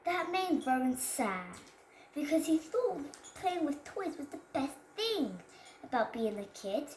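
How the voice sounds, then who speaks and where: High-pitched child reading a storybook aloud, stumbling. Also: big pitch swings, a little slow, a little mellow. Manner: stumbles over words and rereads phrases. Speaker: child reader presenting a storybook. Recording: roomy echo with background noise.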